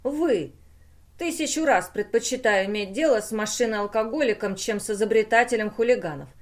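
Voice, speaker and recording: A woman's voice: a little high, brisk, close to an everyday voice. A woman doing a nervous, persuasive male journalist. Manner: urgent, persuasive.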